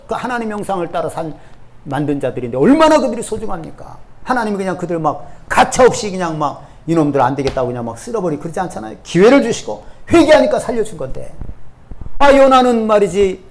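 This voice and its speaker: Male pastor, slightly high voice, animated sermon delivery with congregational call-and-response. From South Korea. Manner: leads the congregation in reading scripture aloud, slow and measured.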